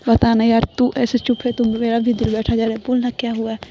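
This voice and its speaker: A woman's voice: on the high side, completely flat delivery, brisk, warm tone, close to an everyday voice. A woman storyteller voicing a caring young woman coaxing her childhood friend, in her own everyday voice, on a dull lo-fi recording with faint noise. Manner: coaxing, insistent.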